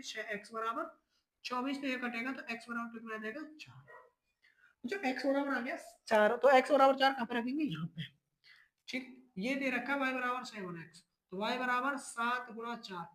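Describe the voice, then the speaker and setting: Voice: medium pitch, a bit bright, poor audio. A math teacher giving a step-by-step exam lesson, speaking to the students as children, restating each step and checking in often. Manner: addresses students as children, keeps checking in with "ठीक है".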